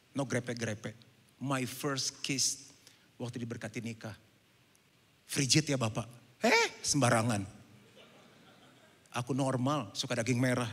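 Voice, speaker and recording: A middle-aged man preaching a sermon as pastor at a church service, telling lively stories and mixing English phrases into his talk. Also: medium pitch. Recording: long church-hall reverb.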